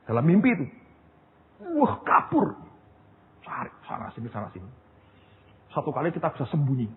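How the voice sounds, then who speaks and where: Man, pastor, preaching a sermon, lively storyteller, lo-fi narrow sound, faint background hiss. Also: mid-range voice, very fast. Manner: lively storytelling, often addresses listeners as brothers and sisters. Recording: tinny phone-like sound, long hall reverb, faint noise.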